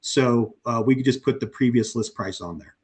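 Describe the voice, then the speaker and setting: A co-founder leads a webinar with a laid-back software demo, moving at an easy clip. His tone is conversational and peppered with ums and you-knows, and his medium-pitched voice is wearing hoarse from long use.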